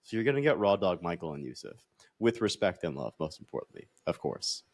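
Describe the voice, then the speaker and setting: A man's voice: low-pitched, very animated, brisk. A man in his twenties co-hosting a podcast, joking loosely and swearing casually. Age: 20s. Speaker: podcast co-host.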